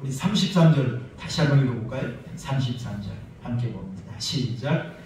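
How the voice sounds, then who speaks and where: A male pastor preaching a sermon with passion, swinging between loud cries and hushed, tender tones. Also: medium pitch, lively intonation, normal speed, a little hiss or hum. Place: church sanctuary. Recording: echoey church sound from a distant mic.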